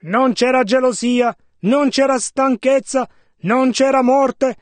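A male interpreter carries a preacher's sermon over phrase by phrase with measured care. His voice is very high for a man, he speaks slowly, and the sound is close and dry. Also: fairly even intonation, no room sound. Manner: measured, careful phrase-by-phrase rendering.

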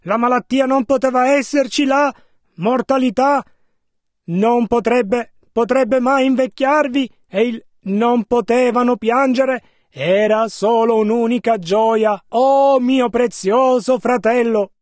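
Speaking slowly in a voice very high for a man, a male interpreter renders a preacher's sermon phrase by phrase with measured care. The sound is close and dry, with no room sound.

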